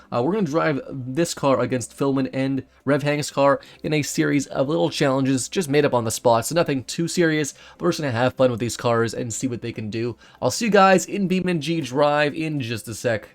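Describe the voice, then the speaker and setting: A man's voice: mid-range voice, moderate pace, few pauses. A man hosting a car build walkthrough, then chatting and laughing with friends while racing in a driving game. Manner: upbeat, laughs often, excitable when startled. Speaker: host.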